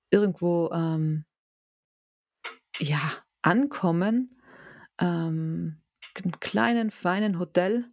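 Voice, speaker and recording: A South Tyrolean woman in her thirties chats as an interview guest with a South Tyrolean German accent. Her voice sits fairly low, and she hesitates a lot, circling back with fillers and restarts. The recording is dry and close. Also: darkish tone, dry recording. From South Tyrol, Italy. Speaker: guest, head of a bike hotel association. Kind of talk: casual interview talk.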